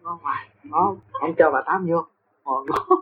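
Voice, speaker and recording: A man's voice: fairly high pitch, wildly swooping pitch, normal speed, gravelly, slight background noise. An older man telling stories of his younger days in a casual interview, rambling and repeating words as he goes. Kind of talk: casual storytelling. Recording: muffled phone-like recording.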